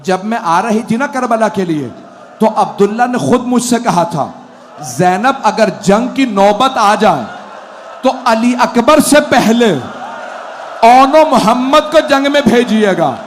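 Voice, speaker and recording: A man's voice: extremely high pitch, animated, slow, exaggerated voice. A man crying out as a grieving noble mother. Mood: pleading. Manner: wailing, crying out in lament. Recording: long reverb in a hall with faint noise.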